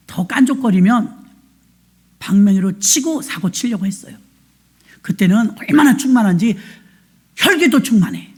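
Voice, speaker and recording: A woman pastor delivers a sermon as a lively, colloquial story. She acts out the voices of the people in it. Her voice is slightly husky, and her pitch swings widely. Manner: animated storytelling, acting out quoted voices; plain-spoken, colloquial. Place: church.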